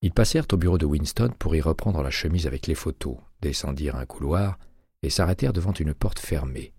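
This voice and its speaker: A man narrating an audiobook thriller in an even, steady reading. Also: very deep voice, a little fast, husky, no room sound, studio quality.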